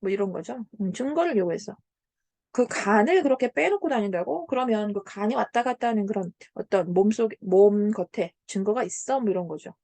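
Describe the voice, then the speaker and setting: A woman's voice: mid-range voice, fairly quick, hardly any pauses, warm tone, no echo. A woman teaching a Korean literature lesson, explaining a passage by paraphrasing it, with many fillers and frequent questions to check that students follow. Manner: asks students to confirm understanding.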